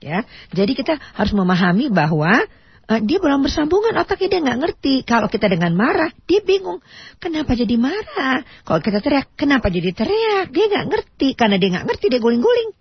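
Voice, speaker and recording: A woman on a radio talk show giving parenting advice, explaining with animated emphasis and acting out parent speech. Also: sits high, brisk, husky, dry recording. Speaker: parenting expert guest. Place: radio studio. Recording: dull lo-fi radio audio.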